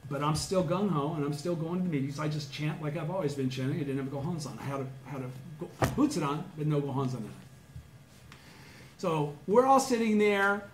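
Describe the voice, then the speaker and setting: A middle-aged man from Southern California tells a long personal story in a slightly high voice. He leans into it and acts out his own past words, sometimes chanting or shouting. The room is echoey, with faint noise behind him. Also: a little fast. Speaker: study group member telling a personal story. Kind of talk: casual storytelling to a small group.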